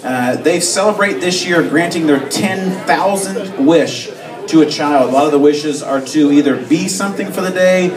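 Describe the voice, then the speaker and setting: A man's voice: a little high, normal speed. A man hosting a live bar event on stage, speaking into a handheld mic with many "uh" fillers. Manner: hesitant, with frequent "uh" fillers. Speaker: event host. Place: bar stage before a crowd. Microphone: handheld mic, far camera. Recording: echoey bar from far off, crowd noise. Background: crowd chatter.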